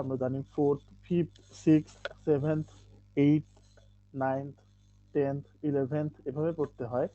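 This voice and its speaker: In a live online English class, a man teaches step by step, saying "okay" often and slowly reading English lines aloud for pronunciation practice. His voice is a little high and warm, and the recording sounds lo-fi.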